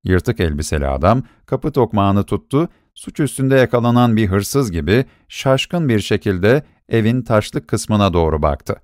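A man narrating a short story in a measured reading voice. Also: lowish voice, lively intonation, a little mellow, no echo, clean studio sound.

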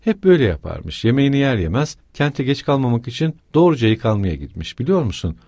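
A man's voice: medium pitch, sing-song, mellow, breathy edge, dry recording, clean studio sound, pitched above the performer's own voice. Man doing a fretful elderly mother. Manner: hurried, fretful talk. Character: anxious talkative elderly mother.

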